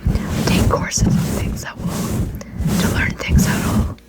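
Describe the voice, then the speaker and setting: A person whispering quickly in an informal ASMR ramble close to the microphone, often repeating and rephrasing phrases. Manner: fast, unvoiced whispering. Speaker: video creator and host.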